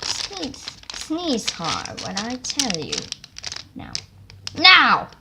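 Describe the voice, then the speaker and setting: A woman's voice: lowish voice, level tone, normal speed, heavy background noise, lightly acted. A woman voicing a male train driver who calls out encouraging commands. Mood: urging.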